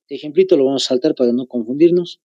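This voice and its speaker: A man with a Bolivian Spanish accent teaching a grammar lesson, slowly repeating phrases so students can take notes. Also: medium pitch, mellow, no room sound, highs cut off.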